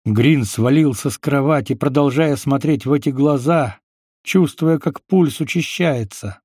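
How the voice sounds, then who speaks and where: A man narrating an audiobook in a measured, unhurried manner. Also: medium pitch, a little mellow, slightly rough, no room sound, studio quality. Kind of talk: scripted narration.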